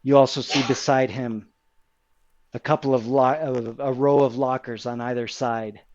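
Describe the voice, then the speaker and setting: A man's voice: medium pitch, steady tone, normal speed, a little mellow, muffled recording. A man narrating as game master of a tabletop game, describing scenes with fillers and self-corrections.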